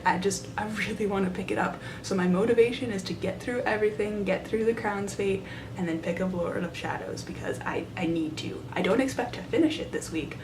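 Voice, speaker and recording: Holding a camera at arm's length, a young adult woman who vlogs about books chats casually and enthusiastically to it. She's indoors in a small side room at a library, and the recording picks up room noise and a low rumble.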